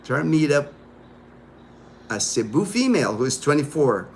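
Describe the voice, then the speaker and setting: A man's voice: fairly high pitch, sing-song, moderate pace, a little hiss or hum. A man in his fifties, born in the Philippines, hosting a casual livestream and chatting loosely with viewers, full of fillers and asides. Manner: rambling, reads out viewer comments, many fillers. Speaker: livestream host.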